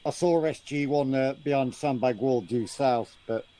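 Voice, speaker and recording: A man's voice: medium pitch, moderate pace, warm tone. A man playing in a military game squad, giving casual tactical callouts to his teammates. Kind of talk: casual tactical callouts during online gameplay.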